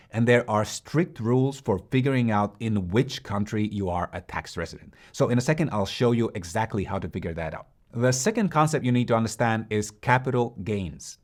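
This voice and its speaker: A man hosting an investing channel, giving a direct, brisk scripted explainer while walking through a website. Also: medium pitch. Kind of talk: scripted explainer with screen walkthrough.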